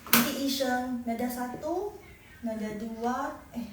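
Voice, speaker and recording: A woman with a slow, somewhat bright voice on the high side teaches Mandarin pronunciation in a live online lesson. She's chatty, repeats syllables and tones, and corrects herself, in an echoey room with faint background noise.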